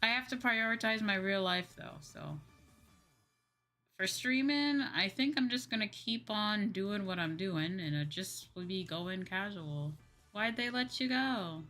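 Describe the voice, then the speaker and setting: A Midwestern American woman, a VTuber livestreamer, chats casually with music playing behind her, answering viewer comments informally and repeating phrases for emphasis. Her medium-pitched voice is animated, pushed and bright, at a measured pace.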